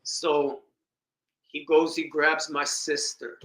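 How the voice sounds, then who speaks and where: A man's voice: on the high side, slow pace. A man chatting on a podcast and telling a family story, acting out the people in it. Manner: animated storyteller, acts out voices in quotes. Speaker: podcast co-host. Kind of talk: casual conversation and storytelling. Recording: echoey room.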